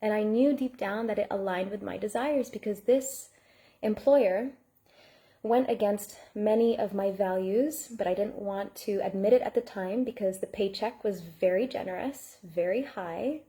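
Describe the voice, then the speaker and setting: A woman's voice: mid-range voice, mellow. A woman coach giving a heartfelt live online masterclass, reading out and thanking viewers in the chat. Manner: earnest, heartfelt, speaks to chat viewers by name.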